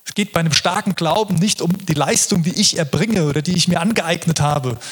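A man's voice: on the high side, brisk, slightly rough. A man preaching a sermon in an earnest, reflective way, often restarting his sentences.

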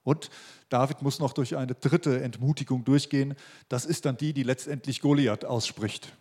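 A man's voice: mid-range voice, fairly even intonation, moderate pace, a little mellow, breathy edge. A man preaching a sermon as pastor, emphatic and repeating his key phrases.

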